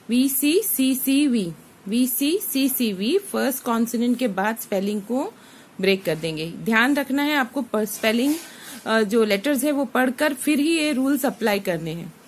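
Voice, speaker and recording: A woman teaching a phonics lesson. She spells words out letter by letter, mixes English terms into Hindi, and checks in with "okay?". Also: on the high side.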